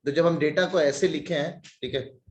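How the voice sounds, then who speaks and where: A man's voice: fairly high pitch, steady tone, normal speed, reverberant, muffled recording, a little hiss or hum. A man teaching a maths class online, working sums aloud step by step with joking asides, slightly stuffy from a cold. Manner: talks through sums step by step, jokey asides.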